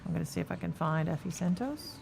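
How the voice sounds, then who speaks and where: A woman's voice: on the low side, lively intonation, fast talker, gravelly. A woman with a Kentucky accent doing casual live commentary at a show jumping event, joking and reading out horse details. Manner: chatty, jokey, reads out horse details.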